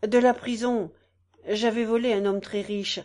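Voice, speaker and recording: A woman voicing a broken old beggar back from prison, speaking low and bitter in a storybook reading. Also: steady tone, measured pace, darkish tone, natural voice. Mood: weary.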